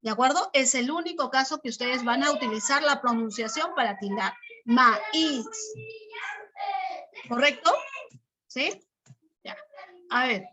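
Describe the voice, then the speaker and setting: A woman's voice: sits high, animated, moderate pace, noisy background. A woman teacher giving a class. She explains step by step, repeats key terms, and keeps checking in with short questions. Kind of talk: online class lesson.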